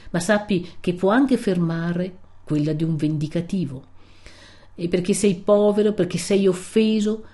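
Stern old friar scolding, grave slow voice, low-ish, woman reading it. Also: warm tone, natural voice. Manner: solemn, rebuking, slow and grave at times. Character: stern old male friar, severe and righteous.

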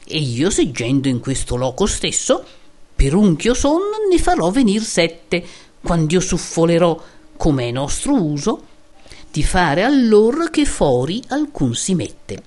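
A woman's voice: lowish voice, very animated, slow, darkish tone, exaggerated voice. A woman voicing a cunning male sinner who bargains with devils in a recited epic poem, speaking in a sly, wheedling way.

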